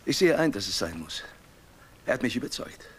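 An actor dubbing a lonely middle-aged man back from an asylum, speaking in a halting, imploring way in a 1930s film drama. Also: medium pitch, sing-song, slight background noise, close to an everyday voice. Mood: resigned.

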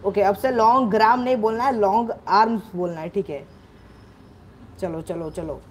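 A man hosting a gaming channel, giving live gameplay commentary on his own microphone, excitedly shouting orders at his teammates. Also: high-pitched, moderate pace.

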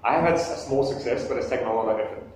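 A man in his thirties races through a conversational live talk with questions for a small audience, his mid-range voice darkish in tone. He keeps restarting sentences and making jokes at his own expense. Recorded by a camera sitting on a table across a small meeting room, he comes across distant and very echoey, with faint background noise.

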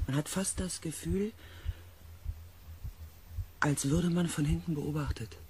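An actor playing a calm, orderly base camp officer in a German radio play, with a husky voice. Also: male voice, a little high, takes it slowly, a little hiss or hum. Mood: calm, questioning.

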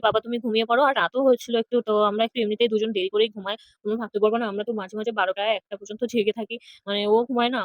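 A woman's voice: a little high, no room sound, lo-fi sound. A young woman, a mother, chatting casually to her viewers in a home vlog. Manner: chatty, talks straight to viewers. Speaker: mother vlogger. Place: rented home, indoors.

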